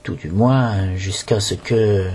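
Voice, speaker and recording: A man's voice: lowish voice, slow, darkish tone, slight background noise. A man reading a storybook aloud in French, narrating with occasional slips and restarts.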